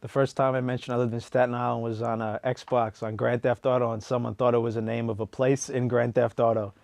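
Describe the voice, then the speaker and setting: A man's voice: mid-range voice, little pitch movement, fairly quick, creaky, darkish tone, no echo. A young man giving casual, offhand interview answers. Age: young adult.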